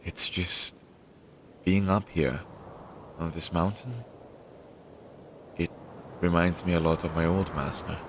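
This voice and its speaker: This is a male actor in an audio drama as a nervous magical familiar, self-doubting and devoted to his master, talking slowly and hesitantly in a low register with a steady tone. The mood is reluctant and wistful, the manner halting and fretful. The scripted one-sided roleplay is captured on low-fidelity audio with obvious background noise.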